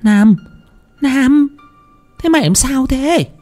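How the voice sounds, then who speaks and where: A woman's voice: sits high, expressive, takes it slowly, a little mellow, soft background music. A woman playing a frightened, guilty middle-aged village woman who stammers and begs for forgiveness. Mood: alarmed. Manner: pleading, stammering.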